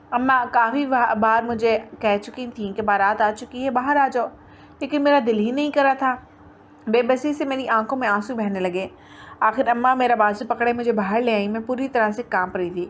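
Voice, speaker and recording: A woman reading a first-person story aloud in a plain, steady way, with small restarts. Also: fairly high pitch, a little hiss or hum.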